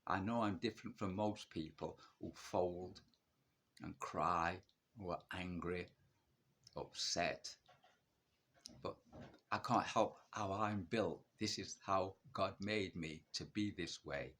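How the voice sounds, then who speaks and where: Blunt older man, husky low voice. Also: slow, a bit bright. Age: 60s. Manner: blunt and defiant, asks and answers his own questions. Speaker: vlogger sharing his illness. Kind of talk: direct-to-camera monologue.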